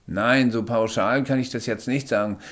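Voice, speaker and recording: A man voicing a brisk, sarcastic male paramedic who is proud of his work, in a read-aloud story. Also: mid-range voice, steady tone, fairly bright tone, voice pushed up, natural voice. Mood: matter-of-fact. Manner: sarcastic, matter-of-fact. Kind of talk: audiobook character voice.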